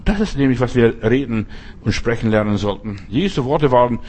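A man gives an informal, unscripted sermon with a somewhat husky, breathy voice at an ordinary pitch. He speaks bluntly, addresses the listener directly and hammers his points home by repeating phrases. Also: expressive, fairly quick, a little mellow. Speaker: preacher.

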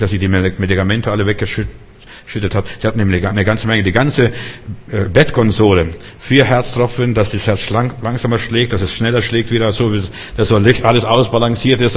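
An older male pastor delivers a storytelling sermon, voicing the people in his story as he goes. His voice sits low and swings between hushed and emphatic. Long reverb from a large hall trails each phrase. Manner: storytelling preacher, acts out quoted voices, swings from soft to emphatic.

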